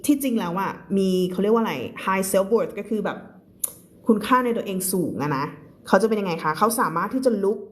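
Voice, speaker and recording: A woman teaching English on a live stream with a Thai accent. She reads English lines slowly and explains them quickly, laughing often. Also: medium pitch, lively intonation. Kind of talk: live-streamed reading lesson.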